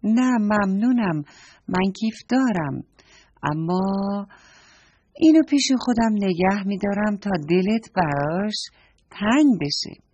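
A woman's voice: medium pitch, animated, a little mellow, husky, muffled recording. A woman voicing a polite, clever neighbor girl in a children's story, speaking in a polite, teasing way.

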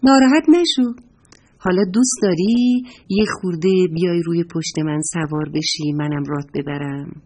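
Kindly storybook elephant, booming and playful, read by a woman. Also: a little mellow, breathy edge. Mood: jovial. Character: big friendly teasing elephant.

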